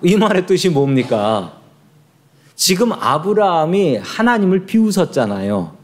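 A man preaching a sermon as a pastor, telling the story with lively, conversational delivery and acting out the figures. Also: sits high, a little slow. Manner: lively storytelling, acts out voices of biblical figures.

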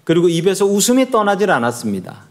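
A man preaching a sermon as a pastor, telling the story with lively, conversational delivery and acting out the figures. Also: high-pitched, fast. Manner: lively storytelling, acts out voices of biblical figures.

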